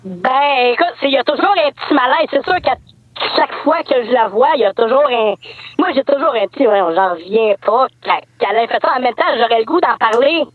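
A man's voice: animated, fairly quick. A man with a Québécois accent calling in anonymously, his voice run through a voice changer to disguise it, speaking hesitantly with many fillers. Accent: Québécois French. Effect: voice changer disguising the voice, pitched up. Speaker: anonymous caller. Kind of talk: phone-in confession on radio. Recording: tinny phone line.

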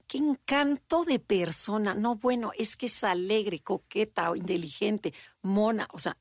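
Animated woman co-hosting a podcast. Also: mid-range voice, dry recording, clean studio sound. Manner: acts out children and parents in quoted voices. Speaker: podcast co-host. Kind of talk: casual chat.

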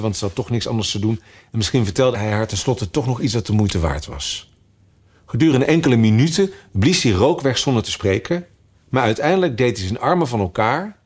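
A man's voice: medium pitch, darkish tone, slightly rough. A man reading a children's story aloud, narrating expressively and giving the characters their own voices. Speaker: audiobook narrator.

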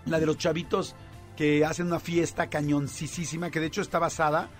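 A man with a Mexican accent hosting a radio show, telling a story in a lively way with lots of fillers. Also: on the high side, brisk, faint music behind. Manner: animated storytelling with many fillers. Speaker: radio host. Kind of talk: casual radio chat.

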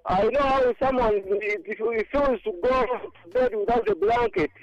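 Sex: man. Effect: clipped, poor phone line. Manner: hesitant, full of restarts. Pitch: very high, lively. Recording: muffled phone line, faint music. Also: vocal fry. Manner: hesitant, many pauses and restarts. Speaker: charity founder calling in. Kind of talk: radio phone-in interview.

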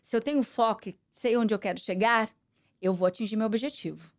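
A middle-aged woman with a Brazilian Portuguese accent, answering interview questions in an earnest, measured way with many fillers. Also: a little high. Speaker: interview guest, politician. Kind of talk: conversational interview.

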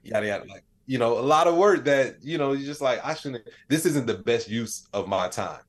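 A podcast guest who is both an AI expert and a comedian talks in a medium-pitched, expressive voice at a slightly fast clip. His style is casual, rambling and slangy, with frequent "you know what I'm saying."

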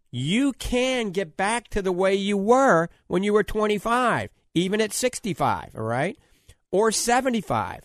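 Male health host, New Orleans accent, slightly high voice, dry close sound, emphatic informal sales talk built on lists and repetition. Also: no room sound. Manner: emphatic, repetitive, listing points. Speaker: health show host promoting diet and supplements. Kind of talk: informal radio-style health talk with product pitch.

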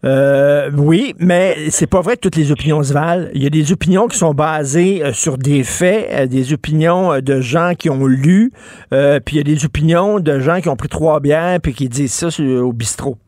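A Québécois man hosts a radio talk show in a folksy, unhurried way, with many fillers. His voice sits a little high. The studio sound is close and dry. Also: a little mellow, no echo. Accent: Québécois French. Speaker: radio host.

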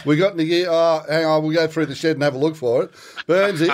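A man's voice: a little high, fast. An Australian man co-hosting a fishing podcast, chatting casually and telling jokes and stories. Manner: joking, storytelling, teasing. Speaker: podcast co-host. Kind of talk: casual chat.

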